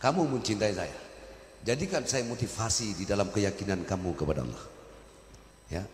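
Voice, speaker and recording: A man preaching to a congregation, emotional and impassioned, recorded in a large hall. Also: fairly low pitch. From Madurese family. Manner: emotional, rising to loud impassioned pleading. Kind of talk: sermon. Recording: echoey hall with long reverb.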